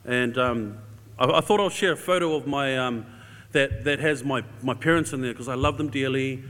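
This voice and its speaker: Raised in Auckland, a New Zealand man addresses a congregation in a big, reverberant church hall as a visiting speaker for a charity. His average-pitched, fairly bright voice moves at normal speed as he feels his way through a personal story, casual and hesitant, with the tag "eh".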